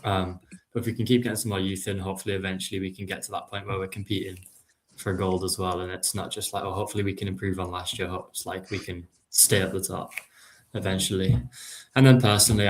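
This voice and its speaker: A man's voice: sits low, level tone, quick pace, slight background noise. A young man with an English accent, a podcast guest talking through his sporting goals in casual chat. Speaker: podcast guest, dodgeball player.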